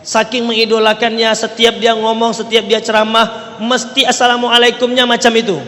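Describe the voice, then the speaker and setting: A man's voice: very high-pitched, monotone, normal speed, bright, forceful tone. A man with a Riau Malay-tinged Indonesian accent preaching a sermon to a congregation, asking them rhetorical questions as he goes. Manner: rhetorical, checks in with the audience often. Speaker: Islamic preacher. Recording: long reverb of a large hall.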